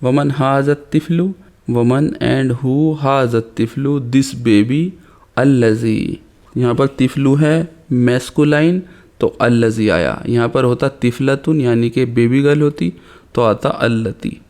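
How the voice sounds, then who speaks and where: A man teaching an Arabic grammar lesson, reading examples slowly and explaining them quickly. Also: mid-range voice, a little mellow. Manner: slow deliberate reading of examples, rapid explanations between. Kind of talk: recorded language lesson.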